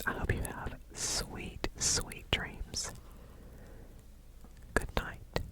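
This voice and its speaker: An ASMR host speaking in a soft whisper, halting and unhurried, as if sharing things casually with viewers. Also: poor audio.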